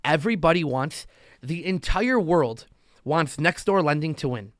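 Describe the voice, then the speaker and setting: Male podcast guest, chatty and animated, acts out quotes, dry close sound. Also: on the high side, moderate pace, no room sound. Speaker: podcast guest, loan officer. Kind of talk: casual conversation.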